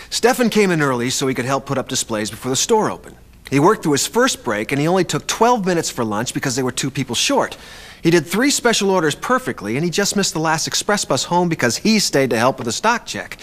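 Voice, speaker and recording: A man's voice: fairly high pitch, a bit bright. A man presenting a workplace coaching lesson in a conversational, emphatic scripted narration.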